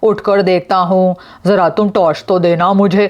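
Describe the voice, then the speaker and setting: A woman's voice: lowish voice, level tone, moderate pace, darkish tone, dull audio, lightly acted. A brave young father in a doll storybook, voiced by a woman in her ordinary voice. He talks steadily and reassuringly, giving firm, commanding orders. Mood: steady. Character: calm brave young father on a camping trip.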